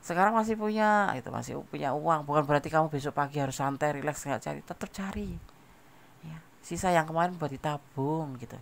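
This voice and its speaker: A man's voice: fairly high pitch, brisk, gravelly. A man giving a casual tarot general reading, talking straight to the listener and repeating phrases. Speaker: tarot reader.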